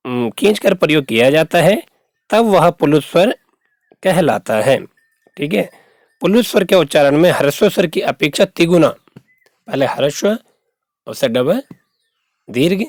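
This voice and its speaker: Male teacher, patient classroom explainer, a bit high-voiced, dry close sound. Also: no echo. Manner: explains patiently, repeats terms and asks rhetorical questions. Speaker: school teacher. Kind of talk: grammar lesson for young students.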